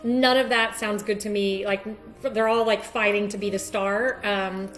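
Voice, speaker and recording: A woman's voice: mid-range voice, steady tone, moderate pace, faint music behind. A woman hosting a live-streamed cheese tasting lesson, chatty with many ums and ready laughter. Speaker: cheese shop host. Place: shop, indoors.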